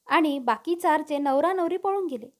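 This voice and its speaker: A woman voicing a calm, reassuring young man in a storybook reading. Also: high-pitched, normal speed, lightly acted.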